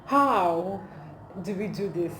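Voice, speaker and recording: A woman's voice: fairly low pitch, takes it slowly. A woman with a Nigerian accent, chatting casually in an amused, emphatic way as she films a comedic vlog on her phone. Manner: amused, animated, emphatic with rhetorical questions. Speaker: video creator. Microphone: phone camera. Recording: echoey room, clear background noise, phone recording.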